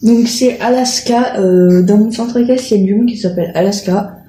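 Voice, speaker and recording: A woman's voice: medium pitch, moderate pace, mellow. A woman chatting casually to her viewers, hesitant and full of filler sounds and self-corrections. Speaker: video creator. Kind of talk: casual chat presenting riding-school horses. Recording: roomy echo.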